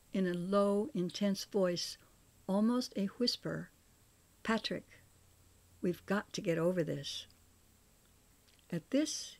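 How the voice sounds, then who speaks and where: Older woman reading her own memoir. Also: medium pitch. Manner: measured, expressive reading. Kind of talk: audiobook memoir narration.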